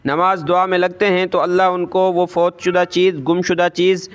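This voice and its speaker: A man teaching Quran recitation, spelling out letters and vowel marks, then chanting each verse slowly. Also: high-pitched, flat delivery, clear, resonant tone. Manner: slow drawn-out chanting of verses.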